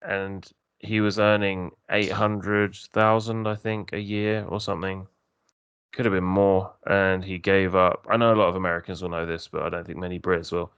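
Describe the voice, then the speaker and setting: Deep guy telling stories on a podcast, smooth voice, dry lo-fi sound. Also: little pitch movement, normal speed, a bit bright, dry recording. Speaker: podcast co-host. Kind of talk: casual podcast discussion. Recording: dull lo-fi dry recording.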